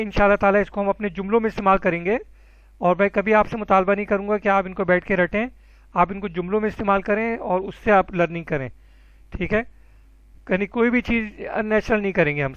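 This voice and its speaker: Man, high voice, patient teacher, dry close sound, muffled lo-fi. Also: a bit bright, no room sound. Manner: patient, encouraging, calls students by name. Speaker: Arabic teacher. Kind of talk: online class teaching.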